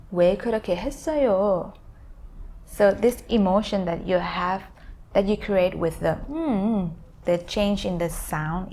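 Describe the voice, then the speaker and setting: A woman's voice: fairly low pitch, creaky, darkish tone, a little hiss or hum. A woman hosting a language learning video, explaining pronunciation tips step by step with some hesitations.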